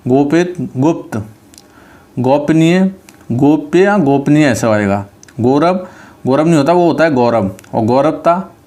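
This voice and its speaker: In an online exam-prep session on spelling, a male teacher with a mid-range, darkish-toned voice reads out each word. After every one, he walks through how it should be written.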